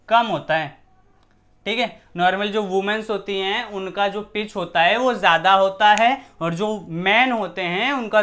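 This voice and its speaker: A man's voice: high voice, a bit bright. Male science teacher, casual, repeats and self-questions. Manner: repetitive, rhetorical questions, shifts voice to demonstrate. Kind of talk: casual classroom explanation.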